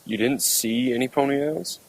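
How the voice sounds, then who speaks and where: A man voicing a big, steady country stallion with folksy phrasing in an audio drama. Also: mid-range voice, normal speed, husky, poor audio. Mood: grave, concerned.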